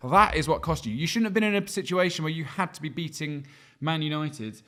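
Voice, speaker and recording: A young man ranting animatedly as co-host in a football debate chat. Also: a little high. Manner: ranting, animated, quick asides. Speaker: podcast co-host.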